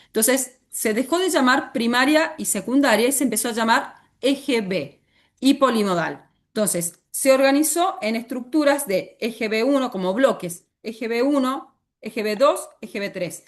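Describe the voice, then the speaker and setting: An Argentine woman teaching a class speaks in a fairly high, animated voice at normal speed. Throughout her lecture she stops often to question the students.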